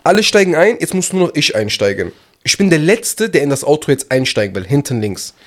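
A young man in a casual podcast chat, telling a story with a high, restless voice. He jumps into the quotes and yells them out, with lots of rise and fall as he goes. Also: brisk. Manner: animated, acts out shouts and quotes. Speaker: podcast co-host.

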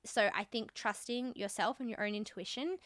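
A young woman hosts a casual podcast chat, open and talkative. Her voice is bright and forward. The sound is dry and close. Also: on the high side, moderate pace, dry recording. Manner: candid and chatty, with frequent fillers. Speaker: podcast host.

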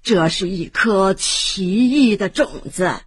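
A woman voicing a kindly old grandmother who speaks slowly and gently in a children's story. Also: mid-range voice, expressive, husky, pitched below the performer's own voice, heavily acted. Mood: gentle. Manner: slow, gentle and soothing.

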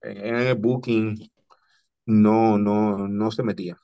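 A man's voice: lowish voice, flat delivery, takes it slowly, dark tone, clean tone, dry recording. A man, a professional wrestler, recalling his career in casual chat, often repeating words as he starts. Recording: dull lo-fi sound.

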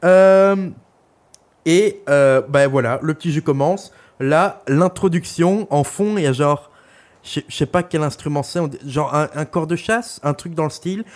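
With a somewhat high voice and an ordinary pace, a young male podcast co-host talks loosely about an album he's reviewing. The conversation is full of crude jokes, filler words, and rambling.

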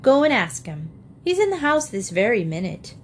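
A woman's voice: a little high, sing-song, moderate pace, slight background noise. A woman doing a blithe, bold storytelling girl. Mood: scornful. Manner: blithe, impatient, scornful. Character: lively, confident storytelling girl.

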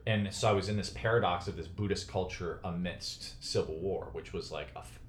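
A podcast guest in his forties, originally from Chicago in the United States, speaks in a very low voice during a long, reflective interview. He is earnest and thoughtful, talking fairly quickly and restarting phrases as he searches for the right words. There's a roomy echo on his voice and a little hiss or hum.

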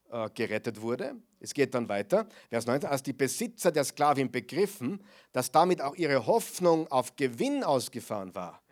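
A man preaching a sermon, often asking the congregation questions and swinging from loud declarations to quiet asides. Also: mid-range voice.

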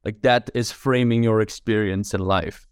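Here a filmmaker in his twenties from the Czech Republic chats casually on a podcast at normal speed. His voice sits fairly low and has a clean tone, and the studio-quality audio has no echo. He is relaxed and thoughtful, sprinkling in "like" and "right?" often.

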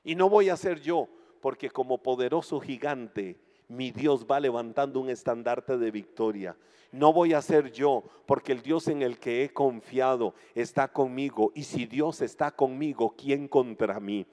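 A middle-aged Costa Rican man preaching a dramatic sermon, swinging from quiet talk to shouted passages. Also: mid-range voice, measured pace, in a large hall. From Costa Rica. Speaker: pastor.

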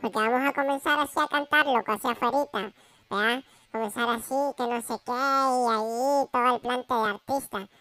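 Brash foul-mouthed young street traveler, played by a woman, higher voice, dry close mic. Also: steady tone, moderate pace, sharp tone, no echo. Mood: bossy. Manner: slangy, swears constantly. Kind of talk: amateur audio story acting.

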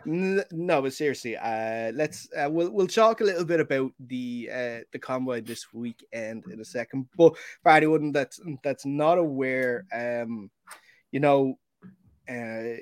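A man's voice: medium pitch, unhurried, dry recording. A man hosting a casual podcast, chatting hesitantly and repeating words as he feels his way into a question. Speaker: podcast host.

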